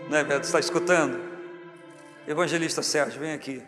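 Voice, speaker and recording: A man's voice: fairly high pitch, steady tone, quick pace, long reverb tail, over music. A Brazilian man preaching as pastor, jovial and teasing as he calls church members up to the front. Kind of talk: sermon. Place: large church hall, music underneath.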